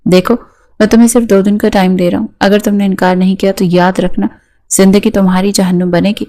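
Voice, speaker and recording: A spiteful young husband snarls his threats, as a woman reads him aloud in a storybook. The voice is mellow and dark in tone, yet scornful and hard. It stays at an ordinary middle pitch. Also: little pitch movement, lightly acted. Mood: angry.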